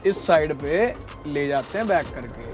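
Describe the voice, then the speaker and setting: Music plays in the background as an Indian trucker vlogger talks at a measured pace in a voice that's a little high. He chats casually and animatedly, calling viewers brother, in his truck cab and a snowy yard outside.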